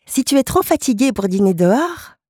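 A woman's voice: on the high side, big pitch swings, normal speed, a little mellow, slightly rough, dry recording, studio quality, pitched above the performer's own voice. A woman doing an eager, doting young wife. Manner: eager and solicitous.

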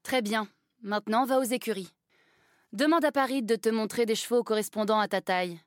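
A woman's voice: on the high side, a little fast, no room sound, clean studio sound, natural voice. A woman reading an audiobook and voicing a cold, commanding aristocratic countess who speaks in a stern, clipped way.

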